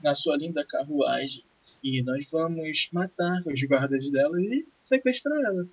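A man with a Brazilian accent voicing a brash, ruthless, husky pirate schemer in an improvised tabletop game. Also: fairly high pitch, animated, a little slow, heavily acted. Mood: conspiratorial. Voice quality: husky, raspy. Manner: crude, conspiratorial. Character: brash, ruthless male pirate plotting a kidnapping. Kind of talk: improvised tabletop role-play. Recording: dull, lo-fi voice recording.

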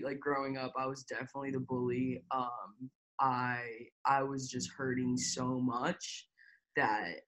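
A young woman from Tampa, Florida, USA, appears as a guest in a personal interview, her voice extremely low in pitch and the recording low in quality. She's candid yet hesitant, with plenty of fillers and a swear word here and there.

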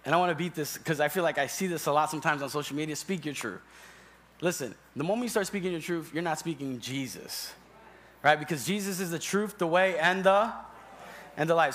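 A man's voice: fairly high pitch, fairly bright tone. A young man preaching as a church elder in a church, conversational and joking, calling on his congregation. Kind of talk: sermon. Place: church sanctuary.

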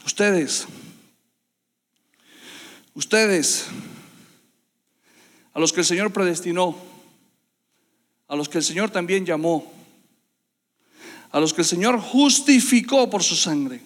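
A man preaching a sermon to his congregation, impassioned and building to loud, repeated emphasis. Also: high-pitched, lively intonation, takes it slowly, pauses often. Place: church hall. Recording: long reverb of a church hall.

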